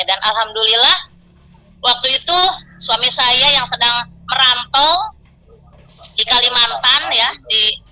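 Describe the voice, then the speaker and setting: A middle-aged woman recounts her own hardships in a heartfelt testimony, acting out the voices of others in her story. Her voice is very bright and sits a little high. The sound is thin and tinny, like a telephone recording. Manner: emotional, storytelling with quoted dialogue. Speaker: business success story guest. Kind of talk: personal testimony.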